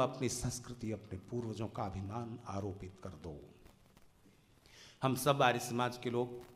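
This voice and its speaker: A man preaching a sermon in a large hall, with impassioned oratory that swings from loud declarations to hushed, drawn-out lines. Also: medium pitch. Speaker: Arya Samaj preacher. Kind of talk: Hindi sermon on national pride. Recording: long hall reverb.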